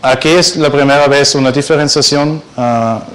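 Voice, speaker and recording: A male academic gives a conference presentation in a second language. His foreign accent is clear, and he speaks haltingly, feeling for the right word as he goes. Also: medium pitch, steady tone, fairly bright tone. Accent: foreign, non-native Spanish. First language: not Spanish. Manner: halting, searching for words in learned Spanish.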